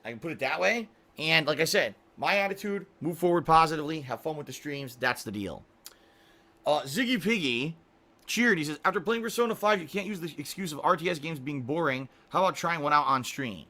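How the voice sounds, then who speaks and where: A middle-aged man chatting casually on a livestream, reading viewer messages, rambling with frequent restarts and throat clearing. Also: fairly high pitch, lively intonation, fairly quick, pushed and bright. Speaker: streamer.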